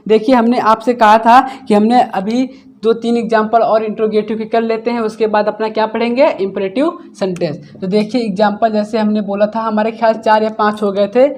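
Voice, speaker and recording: A man's voice: high voice, little pitch movement, darkish tone. Man teaching with self-answered questions. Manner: asks himself questions and answers them, repeating key words; slows to dictate example words one at a time. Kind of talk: classroom-style grammar lesson.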